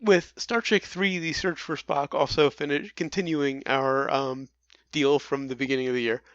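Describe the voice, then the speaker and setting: A man's voice: fairly high pitch, steady tone, normal speed, dry recording, highs cut off. A man co-hosting a casual movie review podcast, chatty and prone to stumbling over his words. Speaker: podcast co-host.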